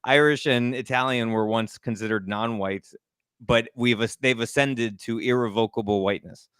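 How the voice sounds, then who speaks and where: A man's voice: medium pitch, steady tone, a bit bright, clear, resonant tone, dry recording. Wry laughing man, dry mic. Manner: wry, laughs often, quick asides. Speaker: comedy podcast co-host. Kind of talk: casual chat.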